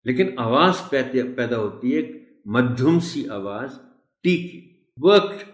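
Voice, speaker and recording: A man teaching English pronunciation to teachers, speaking slowly and repeating each word to model its stress, with a polite, formal manner. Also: medium pitch, expressive, echoey room. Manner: slow, deliberate, repeats words to model stress; addresses listeners politely and formally. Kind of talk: tutorial lesson explaining pronunciation.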